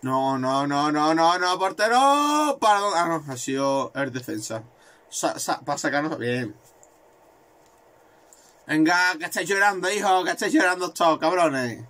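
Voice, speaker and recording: Man, high voice, bright tense tone, excitable, swearing gamer commentary. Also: unhurried. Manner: excitable, swearing, repeats words in bursts. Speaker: gaming video creator. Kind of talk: live game commentary.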